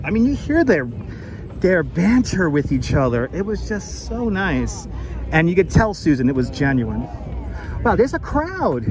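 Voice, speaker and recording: A man with a high-pitched voice works as a tour guide on a livestream, projecting as he points out sights to his viewers. He is recorded outdoors on city streets, with clear traffic and urban noise behind him. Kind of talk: live walking tour commentary to online viewers. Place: outdoors on busy city streets and park edge.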